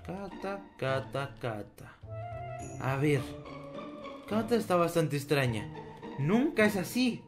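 A man hosting a game roleplay, reacting with dramatic, excitable exclamations. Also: fairly high pitch, slow pace, pauses often. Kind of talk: Minecraft roleplay. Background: background music.

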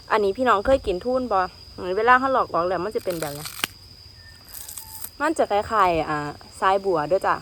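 A woman's voice: mid-range voice, bright, forceful tone, slight background noise. A young woman talks with an easy, chatty Isan Thai accent, drifting between Central Thai and local words as she eats. She is recording outdoors in the countryside, with faint insect sounds in the background. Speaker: food vlogger. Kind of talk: casual eating vlog chat.

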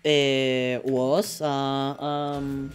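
With drawn-out words and little pitch movement, a medium-pitched man talks casually while streaming a cooking game. He mutters order items to himself and swears when frustrated, and faint music plays behind him.

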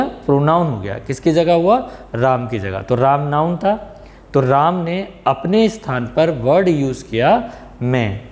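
Male tutor, slightly high voice, quizzes himself as he explains. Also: a little mellow. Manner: mixes English terms into Hindi, asks and answers his own questions; checks understanding with "clear?". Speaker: English grammar teacher. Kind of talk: classroom lesson.

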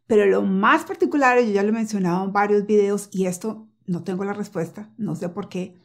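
A woman teaching English pronunciation to camera in a casual lesson, repeating example phrases slowly and patiently and reassuring the learner. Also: medium pitch. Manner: reassuring and encouraging.

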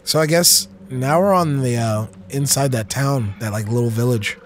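A man's voice: medium pitch, normal speed, soft background music. A young man cracking laid-back, profane jokes while commentating a fighting game with a friend. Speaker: let's play co-host. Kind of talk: casual gameplay commentary.

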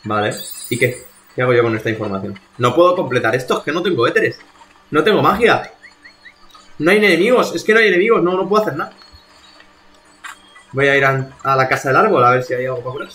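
Male streamer, bright animated voice, swearing and muttering to himself, music underneath. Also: medium pitch, fast, slight background noise. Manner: exasperated, swearing, talking to himself. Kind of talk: live gameplay commentary.

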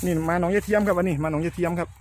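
Man, fairly high voice, excited chatty vlog host, outdoors, faint background noise. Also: racing. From Thailand. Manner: excited, laughing, addresses viewers as brothers and sisters. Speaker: channel host, bee hunter. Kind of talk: casual outdoor vlog narration. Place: outdoors in the countryside.

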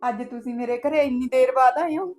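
Brief: actress as emotional young married sister, high-pitched, tearful. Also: female voice, fairly even intonation, quick pace, darkish tone, lightly acted. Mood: insistent. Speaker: married sister welcoming her brother. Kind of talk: village drama acting.

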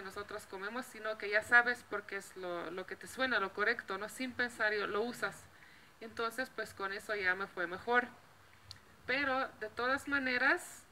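A woman's voice: fairly high pitch, sharp tone, slight background noise, poor audio. A young woman from Slovenia with a Slovenian accent, chatting casually to camera, filling her talk with little tag questions. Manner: chatty, lots of fillers. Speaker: vlogger.

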